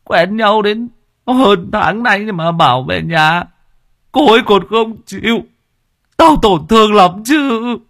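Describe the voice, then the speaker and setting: A man voicing a tearful, heartbroken young man who blubbers in a high, strained voice. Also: moderate pace, a bit bright, no echo, studio quality. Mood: aggrieved. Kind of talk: audiobook character voice.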